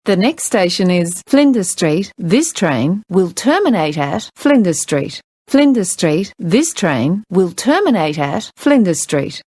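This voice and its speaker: A woman reading scripted onboard train announcements in a measured, formal public-address manner. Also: fairly low pitch, sing-song, a little mellow, slightly rough, no room sound.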